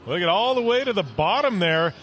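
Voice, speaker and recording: A man with a high, light voice calls an off-road race play by play. He gets excitable in close battles. Faint noise sits under his commentary. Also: fairly quick. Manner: excitable, rises sharply during close racing.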